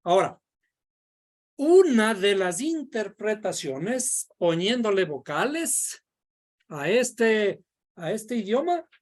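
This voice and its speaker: A woman's voice: medium pitch, very animated, a little mellow. A woman teaching a Bible study class in a classroom, explaining step by step and quizzing her students. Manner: slow, deliberate, quizzing the class. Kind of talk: classroom lecture. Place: classroom, indoors.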